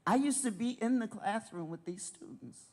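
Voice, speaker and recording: A woman's voice: medium pitch, expressive, normal speed, warm tone. A middle-aged or older woman giving earnest, emphatic public comment at a school board meeting. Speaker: public commenter, teacher aide.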